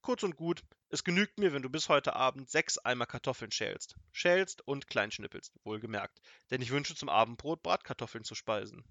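A man's voice: medium pitch, expressive, normal speed, few pauses, no room sound. A man voicing a pompous, short-tempered male wizard in a storybook reading, barking orders impatiently. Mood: condescending. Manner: bossy, impatient, shouts orders.

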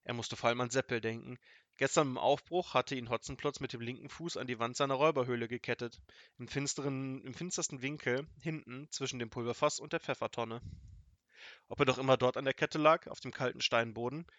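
A man's voice: mid-range voice, a little fast, no room sound, muffled recording. Man narrating a children's story. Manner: lively, expressive storytelling. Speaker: audiobook narrator.

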